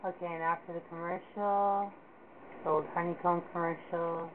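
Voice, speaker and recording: A woman's voice: on the low side, level tone, moderate pace. A woman giving casual, offhand, mildly self-mocking commentary over an old TV recording playing in the room. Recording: phone-like home recording with clear noise. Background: television playing in the room.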